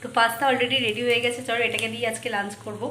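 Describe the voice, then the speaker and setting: A hoarse young woman chatting casually to the camera in a vlog, showing things around her home kitchen. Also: fairly high pitch, little pitch movement, racing. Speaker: vlogger. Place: busy home kitchen, indoors. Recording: echoey room with loud household noise.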